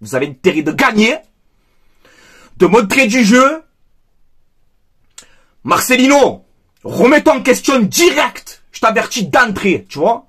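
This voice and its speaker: Angry guy ranting after a football match, really high voice, keeps repeating himself. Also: sing-song, unhurried, long pauses, a bit bright, slightly rough. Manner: heated, emphatic, repeats phrases, addresses viewers as "les gars". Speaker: football fan commentator. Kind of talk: angry post-match debrief monologue.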